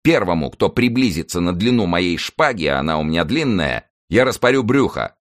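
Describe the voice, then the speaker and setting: A man's voice: deep voice, sing-song, fairly quick. A man reading aloud and voicing a brash young musketeer officer, cocky and defiant.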